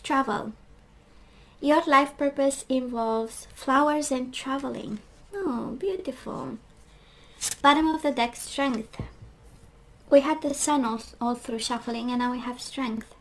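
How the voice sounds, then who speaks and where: A woman with a voice that is going hoarse, chatting casually through a tarot card reading and often asking "right?". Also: high voice, takes it slowly, low-quality recording. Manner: chatty, reflective, frequent "right?" and "we do have". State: losing her voice, clearing throat. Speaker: tarot reader.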